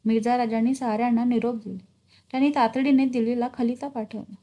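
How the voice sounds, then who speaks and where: A woman giving scripted narration of a historical novel in a steady, even storytelling voice. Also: on the high side, fast talker, lo-fi sound.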